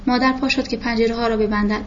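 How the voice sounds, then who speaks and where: A woman narrating a novel in a steady, even storytelling manner. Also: fairly high pitch, lo-fi sound, a little hiss or hum. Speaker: audiobook narrator.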